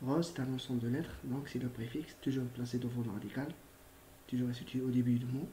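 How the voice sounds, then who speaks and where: A male primary school teacher giving a recorded grammar lesson, patiently repeating himself, spelling out letters and filling pauses with hesitations. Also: medium pitch, steady tone, mellow, a little hiss or hum. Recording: echoey room.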